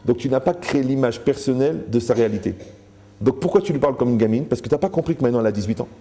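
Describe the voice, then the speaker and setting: A man's voice: medium pitch, lively intonation, rapid-fire, dark tone. A man giving a Torah lecture to a live audience, joking, asking the room questions and acting out the people he quotes.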